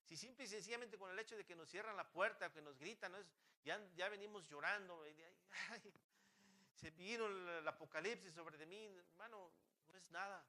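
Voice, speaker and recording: Preaching a sermon in church, this pastor speaks a little fast in a high, bright, forceful voice. His rhetorical questions come with fervor, and he repeatedly trips over and restarts his phrases.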